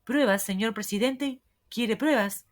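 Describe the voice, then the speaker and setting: A woman reading the lines of a bold young male reporter, calm, unhurried and sure of himself. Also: fairly high pitch, natural voice. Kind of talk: audiobook reading.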